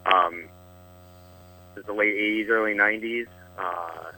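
A man from Iowa calling in over the phone as a band's guest, answering casually with frequent hesitant pauses. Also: lowish voice, fairly even intonation, sharp tone, poor audio. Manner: hesitant, many filler pauses. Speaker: band member, phone-in guest.

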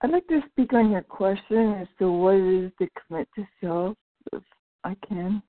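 A woman on a group call, reading a spiritual passage aloud in a slow, measured way. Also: medium pitch, no room sound. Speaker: call participant. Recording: tinny phone line.

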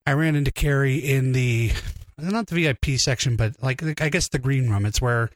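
A man's voice: medium pitch, moderate pace, dry recording. Rambling, self-deprecating male podcast host. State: choked up. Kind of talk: casual storytelling.

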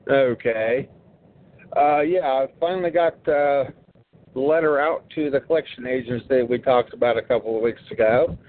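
A man's voice: mid-range voice, moderate pace. A man from West Virginia calling into a show, heard over a phone speaker, talking in a plain, informal, matter-of-fact way. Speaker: caller. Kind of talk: casual call-in chat. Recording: tinny speakerphone line.

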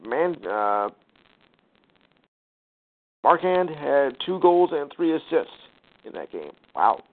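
A man's voice: a little high, sing-song. A man hosting a sports talk show, reading out scores and standings with casual asides and lots of fillers. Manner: rattles off numbers with fillers, sighs and quick asides. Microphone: phone call line. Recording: tinny phone-line audio.

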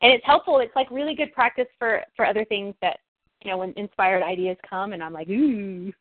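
A woman's voice: medium pitch, fast talker, dry recording. A woman chatting casually on a group call, rambling with many likes and you knows. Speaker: group discussion member. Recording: tinny phone-like call audio.

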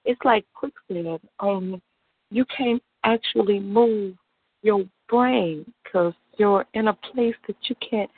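A woman who is high on weed, talking in a languid, drifting stoner manner in a relaxed personal monologue. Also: slow, breathy edge, dry recording. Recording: thin, narrow phone line.

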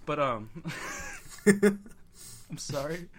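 A young man hosting a casual gaming podcast, excitable and joking, often laughing. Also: on the high side, extremely slow, slight background noise. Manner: excitable, jokey, laughs a lot. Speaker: podcast host.

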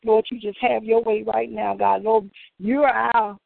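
A man's voice: high-pitched, little pitch movement, a little slow, creaky, a little hiss or hum. A man leading a fervent spoken prayer, saying "Lord God" between each phrase. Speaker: prayer leader. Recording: tinny phone line, dry.

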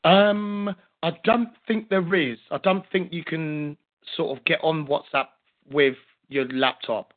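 A man's voice: fairly high pitch, fairly even intonation, slow. A man on a conference call over the phone, answering questions in a plain, helpful way. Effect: heard over a phone line. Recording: tinny phone line.

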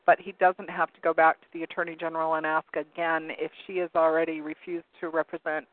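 Reading web pages on his call-in talk radio show, a slightly high-voiced, hoarse man rambles casually and searches for words, filling gaps with many ums. His voice comes over a narrow, phone-like line, dry and close, with no room sound at all.

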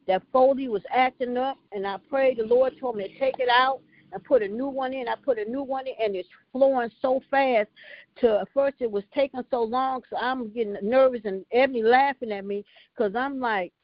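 A woman's voice: a little high, normal speed, dry recording. Older woman, fervent prayer and testimony, repeats "Lord" constantly, dry close sound, muffled phone line. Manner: fervent, repeats "Lord" after nearly every phrase, colloquial. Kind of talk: spoken prayer and praise testimony.

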